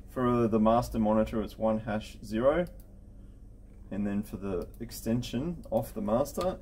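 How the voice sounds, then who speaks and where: Seated at a desk computer in an office, a middle-aged intercom installer gives a casual, practical software tutorial one step at a time. His voice is lowish, dark and relaxed, his delivery plain and informal, and light noise sits in the background.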